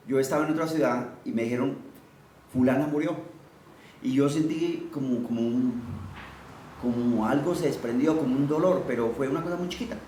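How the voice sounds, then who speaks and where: A man's voice: mid-range voice, warm tone, echoey room, recorded from a distance, a little hiss or hum, low-quality recording. A man preaching a sermon, teaching conversationally and asking his listeners questions as he goes.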